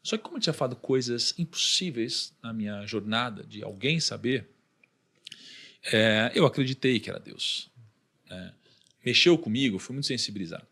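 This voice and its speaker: A man's voice: medium pitch, normal speed, creaky, breathy edge. A man with a Brazilian accent, a podcast guest telling a personal story and acting out what others said. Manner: animated, acts out the voices of others in his story.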